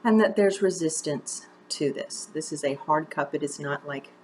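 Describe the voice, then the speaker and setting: An American woman drama teacher with a low, darkish voice speaks at normal speed in a home-recorded instructional mini-lesson. She walks through it step by step in a conversational, encouraging way, asking direct questions. There's a little hiss or hum on the track.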